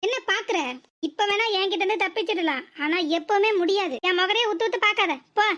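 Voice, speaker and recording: A woman voicing a defiant, sharp-tongued young married daughter in a cartoon comedy, with a southern Tamil Nadu accent and a mocking, sarcastic delivery. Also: very high voice, a little fast.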